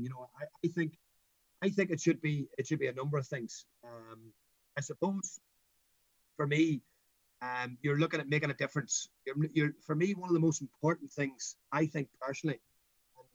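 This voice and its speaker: A man's voice: mid-range voice, no echo, dull audio. A middle-aged man with a Northern Irish accent, talking anecdotally in an interview as a coach, emphatic and given to repeating his phrases. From Northern Ireland. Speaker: school football coach.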